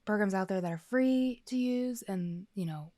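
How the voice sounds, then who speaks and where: A woman's voice: mid-range voice, moderate pace, warm tone, no echo, studio quality. A woman co-hosting a podcast, chatting casually in a playful, rambling, joking way. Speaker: podcast co-host. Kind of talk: casual chat.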